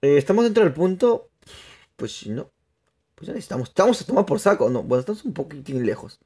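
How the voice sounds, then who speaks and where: Very animated and a little fast, this young man's fairly high voice is warm and husky. He streams a game live using a fake Spain Spanish accent, chatting with viewers and answering their chat while playing, his explanations rambling and restarting.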